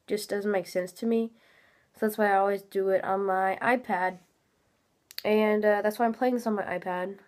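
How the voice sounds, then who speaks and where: A teenage girl who hosts a gaming channel chats casually while playing a game, rambling with many fillers and sounding a little nasal from congestion. Her woman's voice is medium-pitched, steady, and darkish at normal speed, picked up by a webcam in a small room at home.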